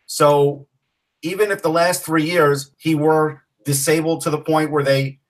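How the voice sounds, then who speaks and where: A man's voice: a little high, fairly even intonation, measured pace, distant mic, low-quality recording. A man from Long Island co-hosting a casual sports podcast, opinionated and telling stories. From Long Island, New York. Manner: opinionated, storytelling. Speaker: podcast co-host.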